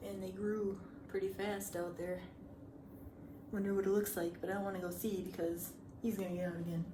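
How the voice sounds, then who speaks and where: A woman's voice: medium pitch, level tone, fairly quick, noisy background. A woman chatting casually to herself and her cat while she paints, teasing her own work. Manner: mutters to herself and her cat, self-mocking. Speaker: hobby mural painter. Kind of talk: casual running commentary while working. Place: indoors at home by a window.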